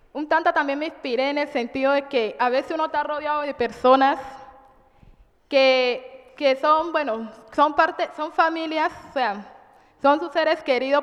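High-voiced woman reciting rhyming poetry. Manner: measured, rhyming delivery with hesitant asides. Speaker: community participant reciting her poetry. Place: community cultural house. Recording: long reverb, slightly dull sound.

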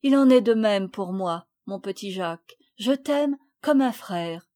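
A woman voicing an earnest, brave older boy in a storybook reading, with a warm, protective manner. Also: medium pitch, animated, measured pace, natural voice. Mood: tender.

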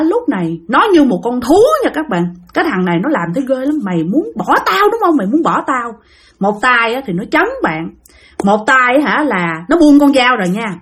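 A woman with a Southern Vietnamese accent telling a spooky story dramatically, speaking straight to her listeners. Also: fairly high pitch.

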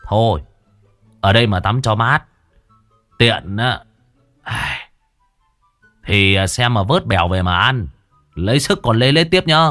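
A man's voice: lowish voice, expressive, a little slow, pauses often, a bit bright, faint music behind. A man voicing a crude, bullying older village strongman who threatens and mocks two young men. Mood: mocking.

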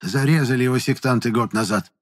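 A man's voice: medium pitch, brisk, voice pushed up, lightly acted. A man voicing a shrewd old village fortune-teller. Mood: bitter, pleading. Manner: sharp, probing, commanding, then grieving.

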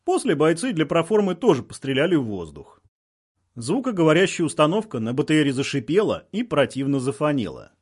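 A man reading a story aloud with lively, expressive narration. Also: fairly high pitch, a little fast, husky.

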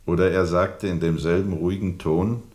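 An actor playing a haunted sea captain in a radio drama, brooding and intense, moving between whispers and forceful declamation. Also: male voice, sits low, steady tone, moderate pace, lightly acted. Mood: grim, bitter. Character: haunted, feverishly intense sea captain recounting a jungle ordeal. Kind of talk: German radio drama monologue.

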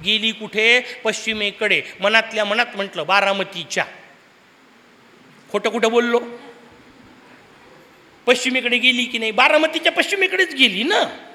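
A man's voice: extremely high pitch, moderate pace, sharp tone. A man from the giving a Purana discourse, telling stories animatedly and asking the audience rhetorical questions. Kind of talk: religious discourse. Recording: long hall reverb.

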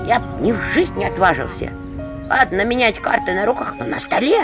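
A woman voicing a pair of cheeky little male imps who chatter in excited, squeaky voices. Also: a little fast, music in the background, natural voice.

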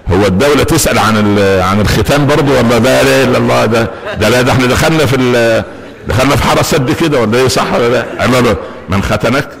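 Fast-talking Egyptian preacher in a reverberant hall. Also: male voice, mid-range voice, creaky, a crowd in the background. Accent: Egyptian Arabic. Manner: humorous, conversational, with asides to the congregation. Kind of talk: Friday sermon with storytelling. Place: mosque.

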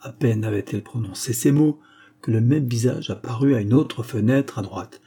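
A man narrating an audiobook in a measured, dramatic reading. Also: medium pitch, dark tone, breathy edge. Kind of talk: scripted narration.

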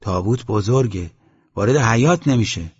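A man's voice: fairly low pitch, lively intonation, husky, big-room sound. A man reading the lines of a practical, fretful village headman in an audiobook, in a questioning, slightly raised voice, on a dull lo-fi recording. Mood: worried questioning.

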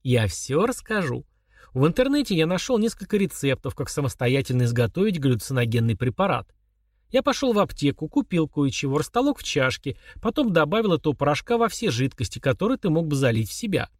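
A man's voice: on the high side, big pitch swings, brisk, dry recording, studio quality. A man voicing Artur, a mocking killer son. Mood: coolly sneering. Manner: chummy, sneering, confessional tone. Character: young man, calm, mocking, murderous son.

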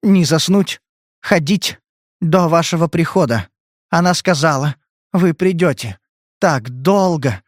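A man voicing a drugged, frightened young woman who speaks in halting, broken phrases in an audiobook. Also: a little high, dry recording, studio quality, pitched above the performer's own voice. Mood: drowsy pleading. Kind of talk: audiobook character reading.

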